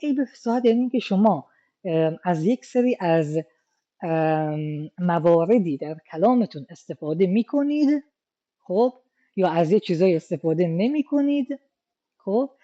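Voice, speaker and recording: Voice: medium pitch, mellow, dull audio. A literature teacher explaining a lesson, asking questions and answering them, with frequent fillers.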